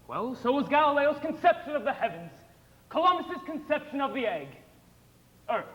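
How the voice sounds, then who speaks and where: A glib, persuasive con-man salesman, voiced by a teenage boy on a school stage. The voice sits fairly high for a man. A long hall reverb trails each line. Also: fairly bright tone. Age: teens. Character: smooth-talking traveling salesman professor, confident charmer. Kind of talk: high school musical theater acting.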